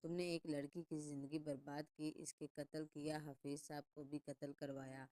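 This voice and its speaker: Low-voiced woman reading an angry young man, accusing, stern. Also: little pitch movement, mellow, natural voice. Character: angry young husband confronting family.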